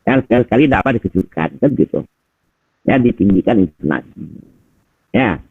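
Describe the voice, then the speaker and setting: A man's voice: lowish voice, lively intonation, normal speed, no echo. A middle-aged man, a teacher trainer, giving conversational feedback over a video call and often asking rhetorical questions. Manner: conversational, addresses listeners as Pak and Bapak Ibu, rhetorical questions. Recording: husky voice over tinny video call audio.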